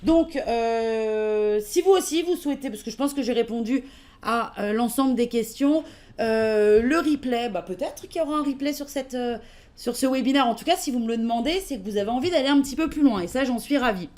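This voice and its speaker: A woman with a French accent presenting a live trading-software webinar, casual and hesitant, with frequent fillers as she reads out and answers questions. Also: on the high side, fairly quick.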